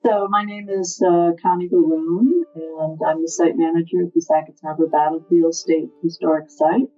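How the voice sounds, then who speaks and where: A woman from northern New York explains things in a low, slightly husky voice. Her audio comes through with fuzzy distortion, dull and lo-fi, and soft music plays faintly underneath. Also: fairly even intonation, normal speed. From northern New York State, USA. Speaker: historic site manager. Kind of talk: interview answers, explaining local history.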